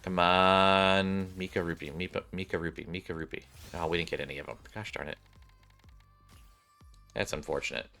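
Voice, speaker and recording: This streamer's voice sits low, bright and forceful, with a steady tone and moderate pace. He offers loose, rambling gameplay commentary against game music, partly muttering to himself and partly to viewers.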